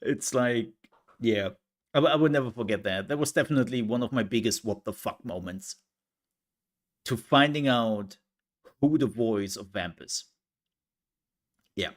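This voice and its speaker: A man's voice: mid-range voice, a little slow, long pauses. A man streaming a farming game live, chatting casually and telling a rambling story with laughs.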